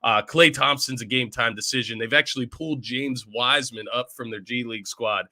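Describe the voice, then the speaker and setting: A man hosts a casual pregame sports show with a bright, forceful voice that is audibly congested. He talks in a loose, chatty way and keeps checking in with his listeners. The sound is close and dry, with no room around it. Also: medium pitch, a little fast, no echo. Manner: chatty, often tags lines with "right?". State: congested from illness. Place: at home.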